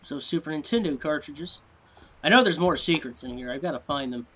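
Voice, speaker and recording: A man's voice: fairly high pitch, lively intonation, a little fast, fairly bright tone, slightly rough. A man with a stuffy, sniffly nose, muttering to himself and rambling in puzzlement as he hosts casual let's-play commentary at a desk microphone. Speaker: gameplay video host.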